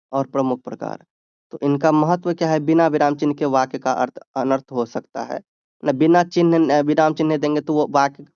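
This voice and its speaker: A man's voice: fairly high pitch, a little mellow, smooth, dry recording, highs cut off. Man teaching a grammar exam-prep lesson. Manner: explains step by step, asking and answering his own questions. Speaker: exam tutor.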